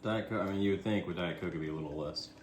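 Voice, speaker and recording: A man's voice: low-pitched, very fast. A man chatting casually at home, laid-back, hedging with fillers and laughs. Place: home indoors. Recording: roomy home sound with background noise.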